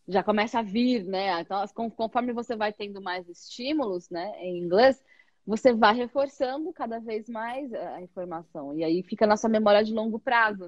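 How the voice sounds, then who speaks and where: A woman English teacher chatting casually with a student, explaining with lively examples and checking in often. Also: mid-range voice, no room sound, highs cut off. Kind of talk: casual interview chat.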